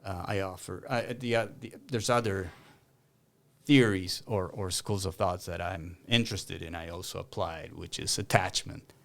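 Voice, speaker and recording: Counsellor guy from argentina, lowish voice, lots of ums and restarts, thinking out loud. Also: fairly even intonation, normal speed, creaky. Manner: thoughtful, many fillers and restarts. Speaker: clinical counsellor guest. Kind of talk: interview conversation.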